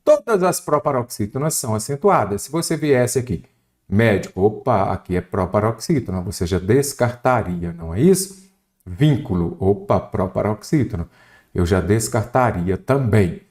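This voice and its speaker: Man, Brazilian accent, grammar lesson for exam prep, animated, leans hard on stressed syllables, quizzes the viewer. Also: fairly low pitch, normal speed. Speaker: Portuguese teacher for exam prep.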